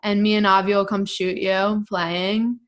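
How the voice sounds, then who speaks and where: Slow-talking bubbly young woman host. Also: mid-range voice, little pitch movement, highs cut off. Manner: bubbly, teasing, laughs often. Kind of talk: casual video interview.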